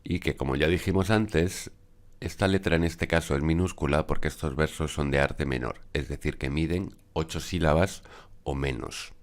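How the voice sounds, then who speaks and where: A man with an extremely low voice talks through a lesson over his screen recording. He explains step by step in a measured, patient way and often pauses on small fillers. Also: fairly even intonation. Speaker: teacher.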